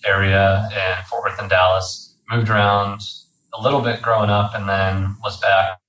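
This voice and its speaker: Bright-voiced young man in a roomy space. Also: lowish voice, little pitch movement. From Texas. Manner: thoughtful, measured, with frequent fillers. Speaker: guest, activist and journalist. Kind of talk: casual interview talk. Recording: roomy sound from a distant mic with faint background hiss.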